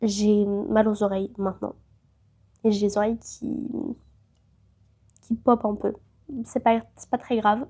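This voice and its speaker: With a warm, medium-pitched voice, she speaks flatly and unhurriedly, leaving long pauses. The teenage travel vlogger has a head cold and chats to camera in a loose, rambling way, often using fillers and starting over.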